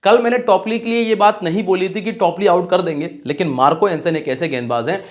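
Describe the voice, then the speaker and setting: A man's voice: sits high, fairly quick. A man talking casually to his viewers, giving fantasy cricket predictions and rattling off match stats. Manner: chatty, direct address to viewers, rattling off stats.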